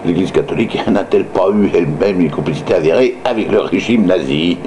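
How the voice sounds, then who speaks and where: A man's voice: deep voice, brisk, noisy background. A man reading news like an amateur radio host, stumbling and hesitating, with sardonic personal asides.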